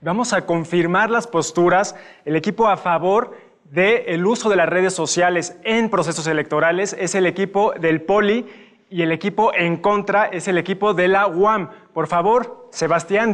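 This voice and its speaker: High-voiced TV host. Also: male voice, moderate pace, a bit bright. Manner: enthusiastic, announcer-like introductions. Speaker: TV debate show host. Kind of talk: upbeat studio presenting.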